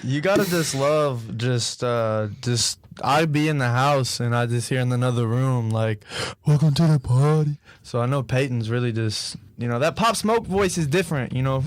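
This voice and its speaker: A man's voice: mid-range voice, moderate pace, hardly any pauses, no room sound. A man co-hosting a casual podcast, joking and laid-back as he chats about sports and music. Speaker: podcast co-host.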